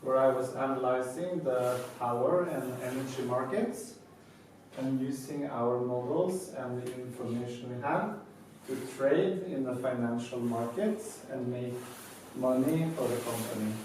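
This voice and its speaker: Slow, measured Norwegian man in an echoey room. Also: medium pitch, a little mellow, slight background noise. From Norway. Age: 30s. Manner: measured, methodical, with pauses. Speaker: speaker presenting his company. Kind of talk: prepared talk to a live audience. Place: meeting room with a live audience. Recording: echoey room, mic at a distance.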